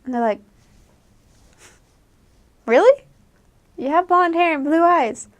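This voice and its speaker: Her voice is very high-pitched, slow, and lively in intonation. This young returned missionary from the United States chats through casual advice, frequently laughing as she performs the quoted voices.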